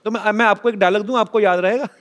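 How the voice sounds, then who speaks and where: Playful high-voiced male talk show host. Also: steady tone, fast, fairly bright tone. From Punjab, India. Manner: teasing, playful, chuckles while talking. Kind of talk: joking stage banter with guests. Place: TV studio before a live audience. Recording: studio audience laughter and noise.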